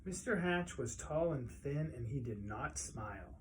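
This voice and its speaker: A man reading a children's picture book aloud as a storyteller, expressively, with pauses and emphasis. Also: mid-range voice, expressive, a little hiss or hum.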